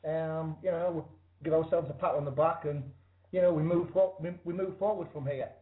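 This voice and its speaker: A British man chats casually as a musician being interviewed. His voice sits slightly high. It comes over a narrow, tinny internet call. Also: fairly even intonation, brisk. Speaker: interview guest, band musician. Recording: thin internet call line.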